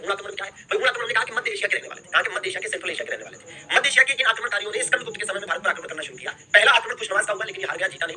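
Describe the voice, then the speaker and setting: In this live online history lecture, the young man's voice sits high, sounding pushed and bright against slight background noise. He checks in with his students after every point and keeps repeating key terms.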